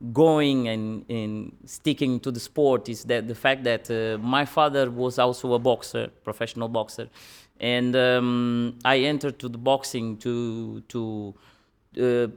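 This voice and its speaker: Halting man, slow and flat. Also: mid-range voice, vocal fry, clean tone. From Portugal. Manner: halting, many pauses and fillers. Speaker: professional boxer, guest. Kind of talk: interview answers.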